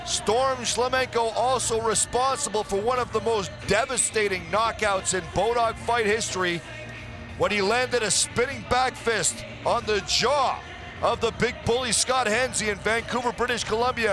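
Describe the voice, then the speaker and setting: High-pitched male fight commentator. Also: normal speed, music in the background. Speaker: play-by-play commentator. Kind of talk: dramatic televised fight commentary.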